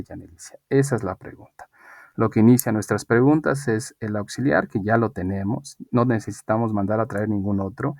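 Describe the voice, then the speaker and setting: A man teaching English in Spanish in an online class, patiently explaining and reading model sentences slowly, with a Mexican Spanish accent. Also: on the low side, a little mellow, dry recording. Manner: patient, encouraging, checks with "¿ok?".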